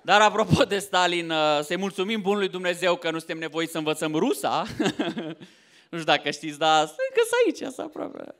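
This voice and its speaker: A man in his thirties from Romania doing a stand-up comedy set on stage, loud and animated, often shouting punchlines. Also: sits high. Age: 30s. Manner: loud, animated, swings into mock voices and shouts. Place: theater stage before a laughing audience.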